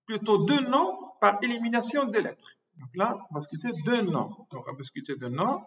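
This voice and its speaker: Male lecturer, higher voice, deliberate repetitive delivery; distant lo-fi recording. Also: expressive. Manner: slow, repeats words and spells them out syllable by syllable. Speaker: medical school professor. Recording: distant mic, dull lo-fi sound.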